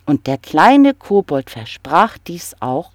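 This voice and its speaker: A narrator reading a fairy tale aloud in a slow, expressive storybook manner. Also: mid-range voice, dry recording.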